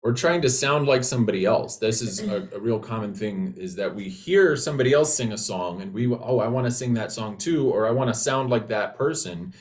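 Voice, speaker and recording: A man with a fairly low voice explains things as a voice teacher. His delivery is conversational and reassuring, with hesitant restarts as he works toward each point. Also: a little fast, hardly any pauses. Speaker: voice teacher, co-presenter.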